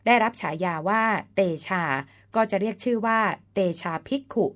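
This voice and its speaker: A woman's voice: on the high side, normal speed. A woman hosting a folk-tale channel, narrating a scripted story in a polite, explanatory way and sometimes spelling out words letter by letter. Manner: polite, explanatory, ends phrases with the particle ka.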